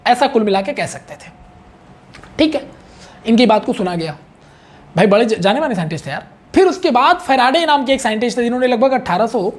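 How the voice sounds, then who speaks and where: A male chemistry teacher giving a casual online exam-prep lecture, chatty, repeating key points and checking in often with his students. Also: extremely high pitch.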